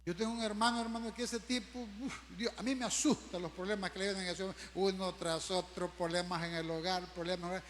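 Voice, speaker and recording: A middle-aged man preaching a sermon as pastor, rising loud on scripture and dropping to quiet asides. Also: high voice, steady tone, fast, hardly any pauses. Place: church. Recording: church hall reverb, faint hum.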